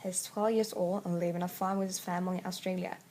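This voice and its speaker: A woman's voice: fairly low pitch, little pitch movement, fast talker, mellow, a little hiss or hum. A teenage girl with a Swedish accent reads a school presentation in English, with small slips. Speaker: student presenter. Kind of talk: school presentation read aloud.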